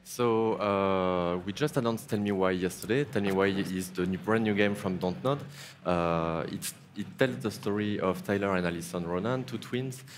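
A man, speaking as a game director on a live panel, careful and full of "uh" pauses, on a headset mic. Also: low-pitched, a little hiss or hum. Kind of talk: live stage panel discussion. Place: large indoor event stage.

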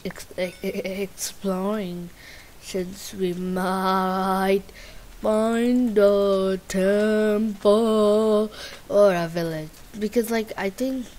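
Very slow-talking excitable woman gamer. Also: mid-range voice, a little hiss or hum, rough recording. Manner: chatty and excitable, with sudden squeals and muttered asides. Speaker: gaming channel host. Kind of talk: let's play game commentary.

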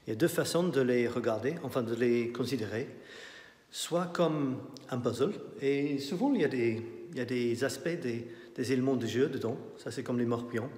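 A middle-aged man with an English accent, an artist giving a casual tour of his exhibition, thinking aloud with many pauses and fillers, filmed on a phone at arm's length. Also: mid-range voice, darkish tone. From not French. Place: indoor art gallery. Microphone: handheld phone at arm's length, walking. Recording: roomy gallery with long echo.

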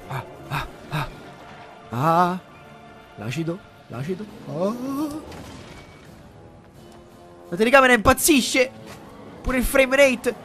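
A young man commentating his own video game boss fight, excitable, swearing, and shouting and repeating words in bursts. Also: sits high. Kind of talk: live gameplay commentary.

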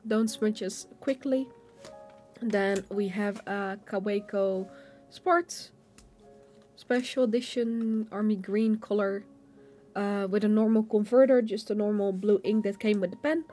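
A woman's voice: mid-range voice, steady tone, a little slow, dark tone, soft background music. A young woman at a home desk, chatting casually about pens and a notebook with many fillers and restarts. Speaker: stationery vlogger. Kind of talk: casual show-and-tell narration. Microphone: overhead camera over a desk.

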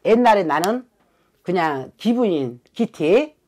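During a fortune-telling session, a South Jeolla woman from Suncheon, Korea, talks in a lowish, slightly mellow voice that's very animated yet measured in pace. She delivers her reading bluntly and forcefully, curses a bit, and keeps demanding agreement with "right?"

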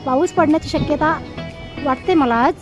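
Very high-voiced woman with an Agri Marathi accent. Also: moderate pace, over loud music. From Bhiwandi area near Thane, India. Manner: sing-song and coaxing when talking to the child. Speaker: vlogger. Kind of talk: casual vlog narration while minding a toddler. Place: outdoors in a village yard under a coconut tree.

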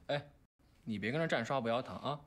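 A man's voice: mid-range voice, a bit bright, lightly acted. An actor playing a touchy, washed-up male actor who blusters and argues. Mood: mocking. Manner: rapid, blustering. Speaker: has-been actor. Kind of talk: film drama acting.

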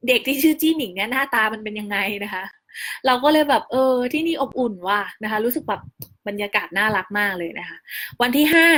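A woman, a new mother, narrating a casual vlog voice-over in a chatty, polite way, calmly explaining practical details step by step. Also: on the high side, husky. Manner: chatty and polite, often ending phrases with soft polite particles. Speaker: new mother sharing her hospital stay.

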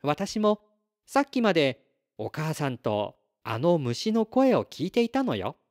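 A man voicing an eager little girl in a storybook read-aloud, talking in a high, excited way. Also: unhurried, no echo, studio quality. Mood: gentle. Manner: pleading and excited, high and lively.

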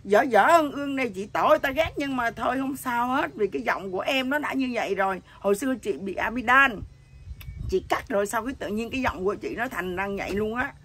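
Middle-aged woman, husky ambiguous voice, blunt earthy storyteller. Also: fairly high pitch, animated, a little fast, a bit bright, a little hiss or hum. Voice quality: husky voice that sounds neither male nor female. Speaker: interviewee. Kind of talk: candid emotional chat.

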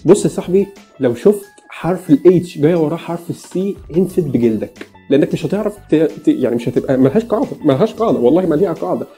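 A man's voice: a little high, quick pace, dark tone, faint music behind. A man with an Egyptian accent giving a casual English pronunciation lesson, chatty and joking as he talks straight to the viewer. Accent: Egyptian Arabic.

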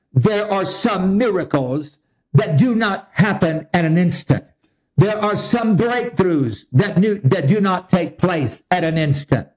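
A man preaching a sermon as pastor, emphatic and repetitive in his delivery. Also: sits high.

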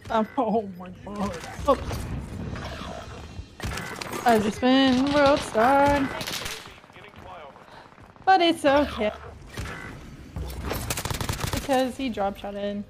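A woman with a fairly high voice exclaims and curses at the game while she plays with her squad. Loud gunfire and game noise run under her voice chat. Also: drawn-out words, long pauses. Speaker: teammate in voice chat. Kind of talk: casual gaming voice chat.

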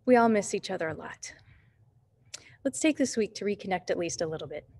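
A woman gives a short church devotional from her pew, and her voice echoes through a large empty sanctuary. She speaks gently and conversationally at a middle pitch, pausing to ask her listeners reflective questions. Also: animated. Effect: echo of a large empty church sanctuary. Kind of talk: short scripted devotional talk.

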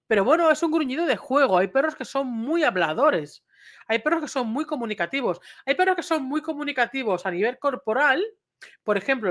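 A chatty woman teaches to camera as a dog trainer. She talks in an animated, conversational flow, keeps checking in with quick tag questions and slips into little acted-out exchanges. Her voice sits at an ordinary middle pitch. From Spain. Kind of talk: informal educational talk to camera.

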